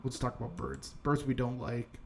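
A young man co-hosts a casual podcast, talking in a rambling, easygoing way full of fillers and false starts. His pitch sits in the middle, and a faint hiss runs behind him. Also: level tone, fairly quick, vocal fry. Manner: rambling, many fillers and restarts. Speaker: podcast co-host. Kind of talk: casual chat.

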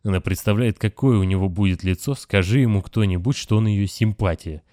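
A male audiobook narrator with a low voice, reading in a steady, measured way. The recording is dry and close, with no room sound. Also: no echo. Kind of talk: scripted narration.

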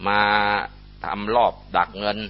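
A man voicing a kindly old abbot monk who speaks calmly and softly, on a muffled lo-fi recording. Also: takes it slowly, natural voice.

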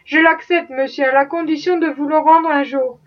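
A woman's voice: sits high, steady tone, moderate pace, distant mic, dull audio, natural voice. A woman voicing a desperate young enslaved man fleeing to freedom, with impassioned, defiant pleading. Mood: earnest.

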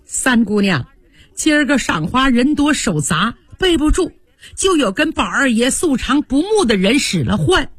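A woman's voice: sits high, very animated, measured pace, husky, dry recording, studio quality, voice pushed up, exaggerated voice. A woman voicing an anxious young maid who pleads urgently. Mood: worried.

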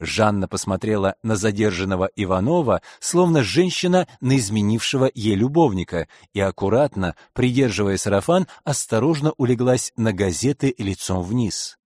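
A man reading a humorous crime story aloud, expressive and ironic. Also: on the low side, moderate pace, few pauses, dry recording, clean studio sound. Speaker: audiobook narrator. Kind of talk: scripted narration.

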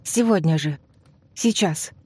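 A man's voice: on the high side, darkish tone, breathy edge, no echo. A man doing a flustered anxious young woman. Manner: breathless rapid chatter. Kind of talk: audiobook character voice.

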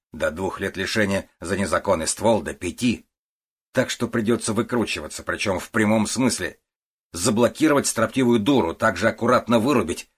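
A man narrating an audiobook in a steady, even storytelling manner. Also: low-pitched, husky.

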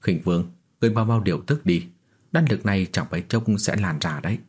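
A man's voice: low-pitched, a little fast, slightly rough. A man voicing a smug young martial prodigy. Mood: calm. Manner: calm, mocking, cold laughter.

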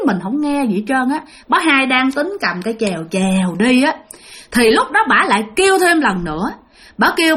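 A woman's voice: sits high, fairly bright tone. A woman narrating a ghost story in a conversational way, talking straight to her listeners. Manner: conversational, addresses listeners directly.

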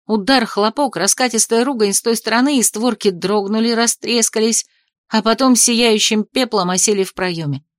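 A woman narrating a fantasy novel with a lively, dramatic reading. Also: a little high, normal speed, dry recording, clean studio sound. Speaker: audiobook narrator. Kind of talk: scripted narration.

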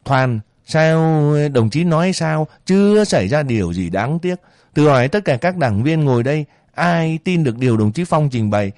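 A man's voice: fairly high pitch, animated, normal speed, darkish tone, dry recording, clean studio sound, voice pushed up. A man reading a story voices a male soldier who presses hard with accusing questions. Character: accusing male army comrade, sneering and righteous.

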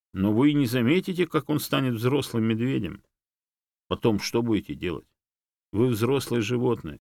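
A man voicing a bossy male bear who rules the forest, speaking loud and domineering in a storybook reading. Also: mid-range voice, creaky, dry recording, clean studio sound, pitched above the performer's own voice. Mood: lecturing.

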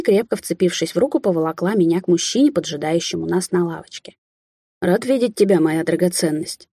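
A woman's voice: fairly low pitch, mellow, husky, no echo, clean studio sound. A woman narrating a fantasy audiobook in the first person.

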